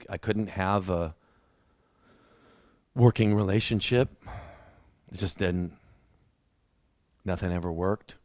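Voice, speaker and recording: Guy preaching at church, low voice, laid back and self-deprecating, telling his story. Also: a little mellow, no echo. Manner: conversational, self-deprecating, with restarts. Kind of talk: sermon with personal testimony.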